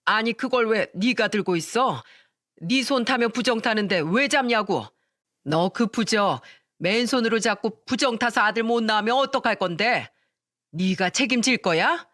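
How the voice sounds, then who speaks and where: A woman's voice: fairly high pitch, expressive, normal speed, fairly bright tone, no echo, clean studio sound. A woman voicing an elderly, superstitious mother-in-law who nags and wails in a storytelling radio drama. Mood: scolding, wailing. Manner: nagging, wailing complaints. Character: elderly shaman-obsessed mother-in-law, shrill and scolding.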